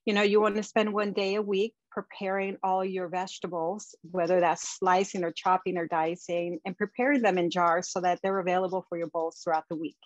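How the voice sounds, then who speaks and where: A woman's voice: on the low side, flat delivery, brisk, hardly any pauses, no room sound. A woman presenting slides over a video call, giving practical tips in a conversational way with frequent ums. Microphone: video call webcam. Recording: dull, dry webcam audio.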